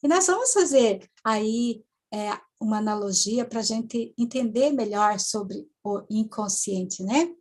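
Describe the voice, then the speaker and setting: Woman, hypnotherapist, halting case story, fairly high voice. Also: animated, a little mellow. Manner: halting, many tag questions and restarts. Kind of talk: storytelling lecture to students.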